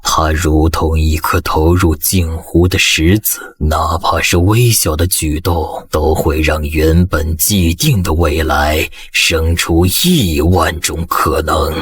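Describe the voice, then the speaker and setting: A man voicing an aloof ancient sage master in an animated comic, speaking in slow, measured pronouncements. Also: a bass voice, husky, no room sound, exaggerated voice.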